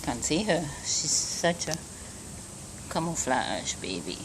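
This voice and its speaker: A woman's voice: low voice, big pitch swings, slow pace. A woman filming her cat in the back yard, talking to it fondly and cooing at it in a casual way. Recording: loud outdoor background noise.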